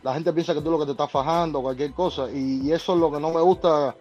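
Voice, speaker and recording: Cuban man, loud and excitable, restarts words, fairly high voice, muffled lo-fi sound. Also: quick pace, faint music behind. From Cuba. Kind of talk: casual live podcast chat.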